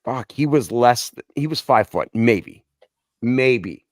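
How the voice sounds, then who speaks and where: A man's voice: medium pitch, slow pace, no room sound, studio quality. A male veteran telling boot camp stories in casual chat, blunt and full of profanity. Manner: heavy profanity, blunt and animated. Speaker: Marine veteran guest.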